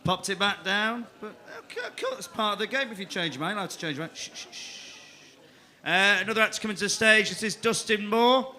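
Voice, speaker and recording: A man hosting a comedy night in a club, announcing acts in a brisk, chatty way. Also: high-pitched, sing-song, sharp tone. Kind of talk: compering a comedy show.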